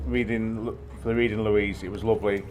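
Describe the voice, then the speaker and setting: A man giving an informal, jokey wedding toast speech as the groom, with a halting delivery. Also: on the low side, little pitch movement, a little mellow, a little hiss or hum.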